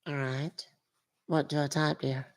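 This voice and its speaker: A man putting on a confused, apologetic elderly woman who talks slowly and calls people dear. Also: fairly high pitch, little pitch movement. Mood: polite confused. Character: polite, confused elderly woman phoning for a refund. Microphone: phone call.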